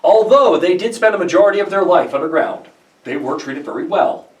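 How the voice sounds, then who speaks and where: A man leading a guided tour through an underground coal mine, explaining things step by step in a plain, lively way with gentle jokes. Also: high voice, a little fast, recorded from a distance. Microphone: visitor's handheld camera from a few steps away. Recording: echoey mine tunnel, voice from off-mic.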